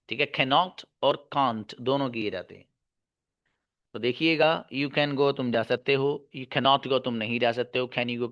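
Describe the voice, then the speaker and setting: A man's voice: mid-range voice, a bit bright. A male teacher giving a slide-based grammar lesson, explaining each phrase twice in two languages, then asking the class questions and answering them himself. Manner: addresses listeners informally as "bhai sahab" and "babu". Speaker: English teacher.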